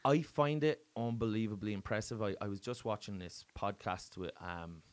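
An Irish man, a guest comedian, in casual podcast chat, loud and jokey and swearing freely. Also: lowish voice, moderate pace. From Ireland. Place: podcast studio.

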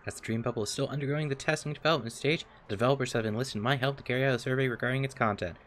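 A man reading out a game's dialogue as a smooth-talking male dream salesman, with an upbeat sales-pitch delivery. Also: racing, fairly bright tone, a little hiss or hum, natural voice. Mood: salesy. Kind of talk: reading game dialogue aloud.

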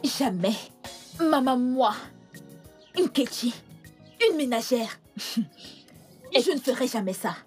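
A headstrong young village woman in a French film dub, speaks in a defiant, insistent way. Her voice is high and very animated, with faint music beneath it. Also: takes it slowly, long pauses. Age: young adult. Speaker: dubbing actor.

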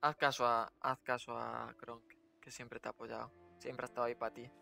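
A man giving excitable, jokey let's play commentary, swearing freely. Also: medium pitch, moderate pace, gravelly, faint music behind. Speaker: streamer.

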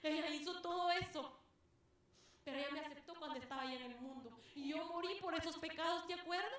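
A woman voicing Christ, soft and pleading. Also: sits high, brisk, heavy reverb. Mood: tender pleading. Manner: soft and tender. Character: gentle, pleading male voice of Christ.

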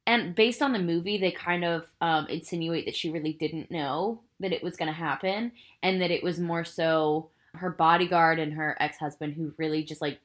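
A woman hosts a casual film review podcast in a low voice, speaking at normal speed with few pauses. She is chatty and rambling, leaning heavily on "like" and "I think," and sounds earnest and emotionally invested in what she describes.

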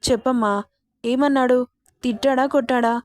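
A woman voicing a kindly elderly grandfather who gently coaxes on the phone in an audio story. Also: high voice, fairly even intonation, moderate pace, lightly acted. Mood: concerned. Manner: gentle, coaxing.

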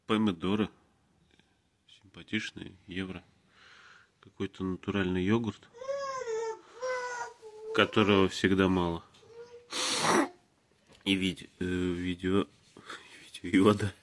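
A man filming himself tasting groceries in a room, talking calmly in short, clipped phrases into his phone camera. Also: sits low, slow, long pauses. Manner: calm, terse, speaks in short clipped phrases. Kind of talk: casual food-tasting vlog. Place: indoors, in a room in a city. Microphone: phone camera held by the speaker, who stays off screen.

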